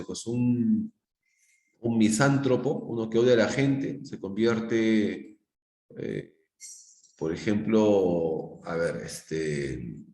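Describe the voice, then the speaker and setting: Brief: low-voiced Peruvian male teacher, middle-aged, lecturing with examples, roomy echo. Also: dark tone. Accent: Peruvian Spanish. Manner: explains with examples, often asks the class "¿se dan cuenta?". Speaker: psychology teacher. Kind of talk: live online class lecture. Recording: echoey room.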